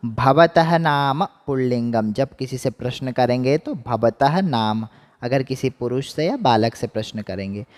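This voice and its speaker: Slow-drilling man teacher, echoey room. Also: medium pitch. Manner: slow, drawn-out pronunciation drills with frequent "है ना?" checks. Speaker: Sanskrit teacher. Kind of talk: online class lesson.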